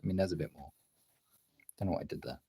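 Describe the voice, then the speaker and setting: This man has a very deep, husky, dark voice and talks fast. He's a streamer and artist chatting casually while demonstrating drawing, rambling and thinking out loud.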